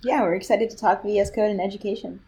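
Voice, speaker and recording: A woman's voice: mid-range voice, steady tone, fast talker, dark tone. A woman speaking as a podcast guest from a tech team, chatting casually. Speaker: podcast guest, tech company education specialist. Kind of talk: casual chat.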